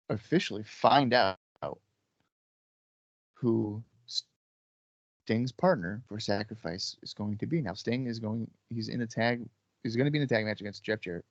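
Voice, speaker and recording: A man co-hosting a podcast in a relaxed, sleepy, offhand way, swearing now and then. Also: lowish voice, gravelly, dry recording, muffled recording. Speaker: podcast co-host. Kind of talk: casual chat.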